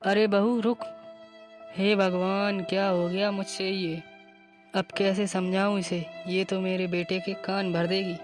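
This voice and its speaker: A woman's voice: mid-range voice, measured pace, over music, close to an everyday voice. A woman playing a worried old mother-in-law. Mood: anxious. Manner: pleading, flat even delivery. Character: worried older mother-in-law, anxious, pleading. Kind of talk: cartoon voice acting.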